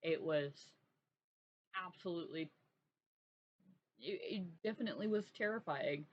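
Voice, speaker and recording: A woman hosting her own channel, telling a personal story in a halting, earnest way with many restarts. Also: fairly low pitch. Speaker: art channel host. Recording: dull lo-fi sound with faint noise.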